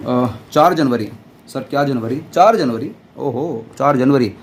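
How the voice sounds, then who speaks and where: A man teaching an accounts class, loud and playful, often answering his own questions in a student's voice. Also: mid-range voice, measured pace, a little hiss or hum. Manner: loud, almost shouting while teaching. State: dry throat. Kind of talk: classroom lecture.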